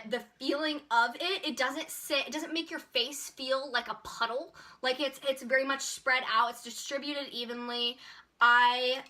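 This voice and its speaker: A woman's voice: fairly high pitch, sharp tone. A young woman chatting in a casual makeup haul vlog, bubbly and full of filler words. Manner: chatty, bubbly, lots of likes and ums. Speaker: beauty vlogger.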